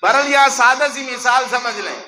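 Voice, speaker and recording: A man's voice: very high-pitched, moderate pace, crowd noise, poor audio. A man, a mufti, preaching a sermon as a story and acting out the people he quotes with voice changes. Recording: clear steady background noise.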